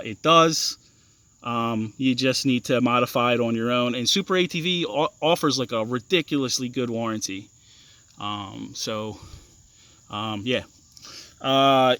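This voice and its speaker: Showing off his bike mods in a casual walkaround, a young man stops and starts, ums a lot and curses freely in blunt language. The voice is smooth, clear, medium-pitched and a bit bright, and the sound is dry with no room echo.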